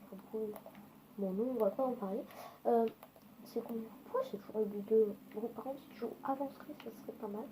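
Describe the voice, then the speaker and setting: A woman's voice: fairly high pitch, dark tone, a little hiss or hum, poor audio. Foul-mouthed woman narrating her gameplay. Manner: chatty and foul-mouthed, talking to viewers. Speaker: gaming video creator. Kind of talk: casual gameplay commentary.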